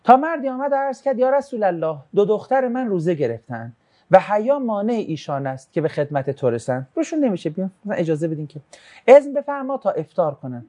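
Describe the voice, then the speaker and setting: In a casual, chatty religion lesson, the mid-range-voiced teacher reads out student questions and answers them playfully with jokes. A religious tradition is retold as a story, the teacher shifting into a storytelling manner.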